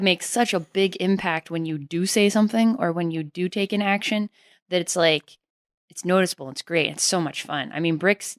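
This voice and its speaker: A woman's voice: fairly low pitch, no echo, studio quality. A woman co-hosting a casual podcast, chatty and full of "like" and laughs. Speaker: podcast co-host.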